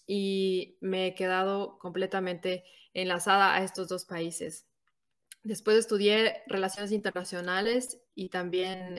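A woman's voice: lowish voice, a bit bright. An Ecuadorian woman in her thirties, co-hosting a podcast in an earnest, thoughtful way and sometimes correcting herself. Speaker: podcast co-host. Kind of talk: casual podcast chat.

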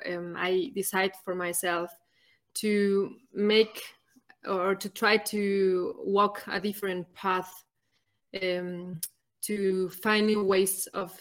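A woman from Ecuador, earnestly introducing her podcast and pausing often to find her words. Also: mid-range voice. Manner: earnest, halting, many "um" pauses. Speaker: podcast co-host.

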